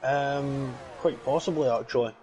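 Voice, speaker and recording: A man provides casual, chatty color commentary on a sim race, bursting into excited exclamations whenever cars go off. His voice is ordinary in pitch and unhurried. The recording is rough, with a faint hiss running underneath.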